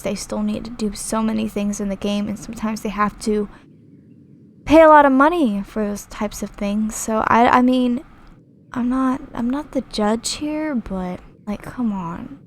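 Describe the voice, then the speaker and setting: A woman's voice: medium pitch, a little hiss or hum. A young woman chatting casually over gameplay, rambling with many fillers and restarts, reading viewer comments aloud. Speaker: gaming YouTuber.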